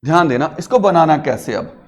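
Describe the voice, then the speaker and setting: A man's voice: fairly high pitch, expressive, moderate pace. A man teaching a grammar lesson in a classroom, coaxing his pupils with questions that he answers himself and calling them beta. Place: classroom with a digital board.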